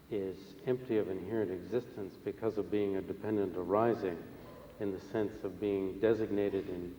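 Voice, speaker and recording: A man with a low, mellow voice interprets a religious teaching in measured, formal phrases, pausing often. The sound is very echoey, as in a large hall. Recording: echoey hall, long reverb, faint noise.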